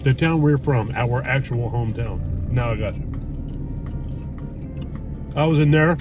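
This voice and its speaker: A middle-aged man hosting a food vlog speaks in an unhurried, mid-range voice as he chats casually from a car parked in a driveway. He's blunt, rambles, and curses a little, and the recording picks up noisy road hum inside the car.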